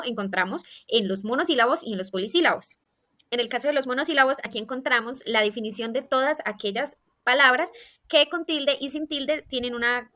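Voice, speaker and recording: A woman's voice: a little high, bright, forceful tone. A woman teaching a primary school grammar lesson, explaining rules step by step with listed examples. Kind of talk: scripted grammar lesson for children.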